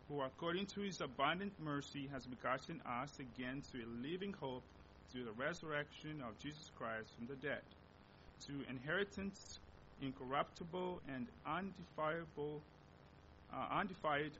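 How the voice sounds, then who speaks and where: Preaching a sermon in a church sanctuary as a visiting missionary, a young man from Congo reads scripture in an earnest, halting way with frequent repetitions and self-corrections. He has a Congolese accent, speaks Lingala natively, and has a bright, forceful tone, all on a dull lo-fi recording with faint rumble.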